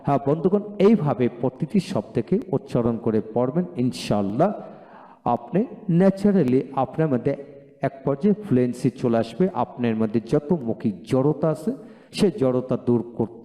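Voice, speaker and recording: A man leads a pronunciation lesson, sounding out each drill word twice at a slow, measured pace. His voice is mellow and darkish. A long echo trails behind every word. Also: medium pitch, expressive. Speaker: English pronunciation teacher.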